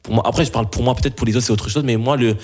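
A young man from Belgium answering interview questions, halting and full of restarts and fillers. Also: medium pitch, fairly even intonation, a little mellow.

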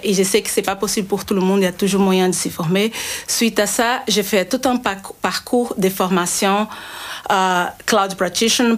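A middle-aged woman from Brazil speaks with a Brazilian Portuguese accent as a guest on a radio interview. Her voice sits at an ordinary middle pitch. She explains things earnestly and often breaks off to restart a sentence. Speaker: guest, cybersecurity consultant.

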